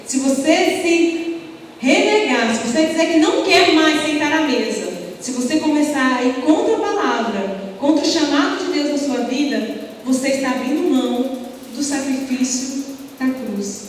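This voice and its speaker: Woman preacher, high voice, impassioned sermon, distant mic in a booming hall with faint noise. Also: expressive, moderate pace. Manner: impassioned preaching with rhetorical questions. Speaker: preacher at a prayer group.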